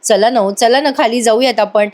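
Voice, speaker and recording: A woman's voice: on the high side, normal speed, darkish tone, lightly acted. A woman voicing a firm, dismissive middle-aged mother.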